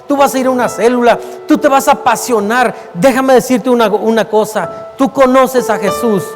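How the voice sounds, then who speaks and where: A man with a Mexican Spanish accent preaching a sermon as pastor, emphatic and earnest, calling his listeners beloved and slowing down to give his words weight. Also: very high-pitched, soft background music. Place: church sanctuary. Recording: long church-hall reverb.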